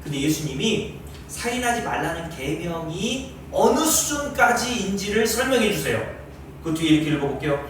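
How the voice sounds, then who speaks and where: A man preaching a sermon as pastor, lively and teasing his congregation with questions. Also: high-pitched, normal speed, a little hiss or hum. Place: large church hall. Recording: very echoey hall, mic far off.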